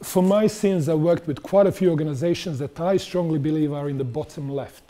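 A man's voice: a little high, a little fast, warm tone. Middle-aged man giving a conference talk. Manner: conversational, asks the audience questions. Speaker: conference speaker. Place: large wood-panelled auditorium with audience.

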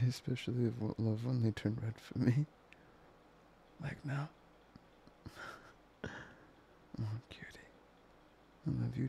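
A soft-spoken, controlling young man, played by a man, who murmurs in a low, breathy hush. His voice drags slowly and grinds into gravelly fry at the ends of phrases. He sounds intimate and obsessive in a whispered audio drama. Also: slight background noise. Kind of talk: whispered ASMR audio roleplay.

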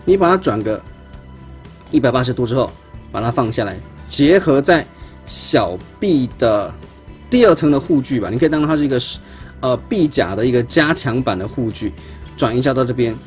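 In this casual unboxing demo, a male toy reviewer handles parts at an indoor table and explains step by step how the toy fits together. He speaks at a normal pace in an expressive mid-range voice, often stumbling and repeating himself, while faint music runs behind him.

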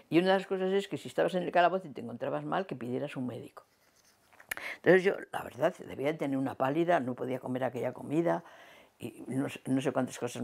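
A woman in her eighties from Spain with a Spanish accent, telling her life story in an oral history interview, slow and reflective with many pauses. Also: very deep voice, gravelly, darkish tone, husky. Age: 80s. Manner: unhurried, reflective, with many hesitations and repetitions. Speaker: interviewee recounting her past.

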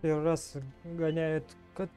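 A young male streamer gives casual gameplay commentary in short muttered remarks. His voice is slightly high but flat, and unhurried, with game music clearly behind it. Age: young adult. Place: indoors at a gaming desk, game music behind.

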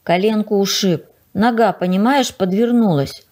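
A woman's voice: medium pitch, moderate pace, darkish tone, lightly acted. A woman reading the part of a fussy, picky young boy who frightens easily, in a storybook read-aloud. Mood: whiny. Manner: fussy, complaining.

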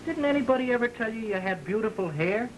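Slangy young american fella, lively pitch, easygoing, slightly hissy old talkie. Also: male voice, fast, rough recording. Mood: admiring. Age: young adult. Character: easygoing, sweet-talking young working-class man. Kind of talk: early talkie film acting. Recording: hissy old film soundtrack.

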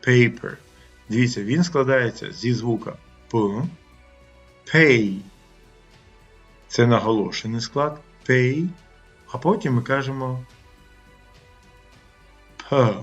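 Husky man teaching pronunciation. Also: medium pitch, slow, pauses often, dull audio, soft background music. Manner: demonstrative, repeats sounds aloud. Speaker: English teacher. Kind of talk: pronunciation lesson.

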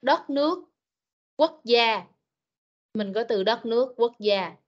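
A woman's voice: fairly high pitch, animated, slow. A woman with a Vietnamese accent teaching English vocabulary to children in an online class, patiently repeating words to drill pronunciation. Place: online meeting. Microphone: video call. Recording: dull lo-fi meeting recording.

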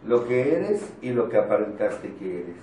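A man's voice: on the low side, very animated, measured pace, mellow. A man with a Mexican accent giving an informal, joking motivational talk to a support group, speaking bluntly and swearing casually. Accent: Mexican Spanish. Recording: roomy, distant mic, faint noise.

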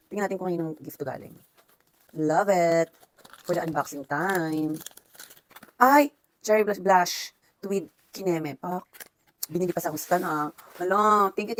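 A middle-aged woman from the Philippines chatting casually as she opens birthday gifts, gushing and slipping English phrases into her talk. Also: lowish voice. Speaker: vlogger opening birthday gifts. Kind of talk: casual unboxing vlog.

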